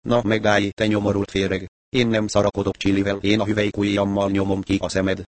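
A rough, blustering man with a short fuse and a foul mouth, as a male narrator puts him on. The voice sits low, and the recording is dry and close. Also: level tone, dry recording, natural voice. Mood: furious. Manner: blustering, swearing. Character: rough hot-tempered man, crude and furious.

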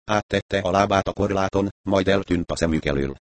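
A man reading a story aloud as an audiobook narrator, in a steady, even storytelling delivery. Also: low voice, no room sound. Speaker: audiobook reader. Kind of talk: scripted narration.

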